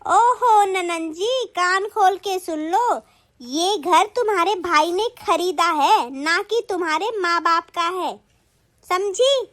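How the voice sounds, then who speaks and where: A woman voicing a domineering, sharp-tongued sister-in-law in a Hindi cartoon, taunting and scolding. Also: extremely high pitch, slow, full character voice.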